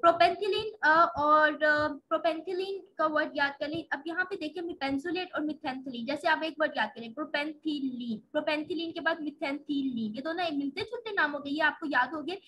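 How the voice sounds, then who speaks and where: A woman with a high, bright voice teaches a pharmacology class, walking students patiently through drug lists with memory tricks. She often pauses and restarts as she works through difficult names. A faint hiss of noise sits under the recording. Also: low-quality recording. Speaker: medical lecturer. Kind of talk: pharmacology lecture.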